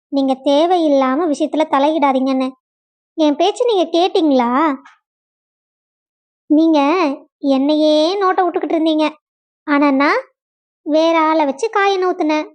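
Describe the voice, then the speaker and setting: A woman's voice: high voice, a little slow, pauses often. A woman putting on a smug, gloating sister-in-law. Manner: smug, taunting.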